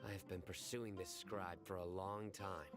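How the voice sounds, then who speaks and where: A man's voice: deep voice, steady tone, moderate pace, over loud music, close to an everyday voice. An actor voicing a stern, cold male judge and warrior in a video game, speaking in a clipped, threatening way.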